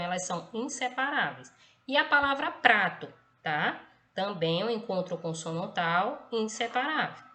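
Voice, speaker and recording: A woman's voice: medium pitch, a bit bright. A woman teaching a recorded class, explaining step by step and checking in with the students after nearly every phrase. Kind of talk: recorded online class lesson.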